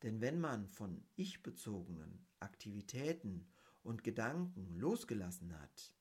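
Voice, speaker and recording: A man giving a reflective spiritual talk on mysticism, speaking in a measured, deliberate way and reading quotations aloud. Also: fairly low pitch, a little mellow, breathy edge. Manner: measured and deliberate, stressing key words.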